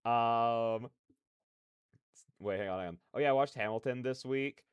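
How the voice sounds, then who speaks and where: Here the reaction-stream host talks a little slowly, his medium-pitched voice clear and resonant in a dry recording. He still chats casually and animatedly with viewers, tossing out slangy, rambling takes.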